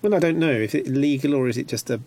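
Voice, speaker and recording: A man's voice: mid-range voice, fast talker, darkish tone. A man chatting casually as a radio guest and producer, recorded on a handheld recorder like a dictaphone. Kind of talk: casual chat. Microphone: speaking into a recorder during a phone call.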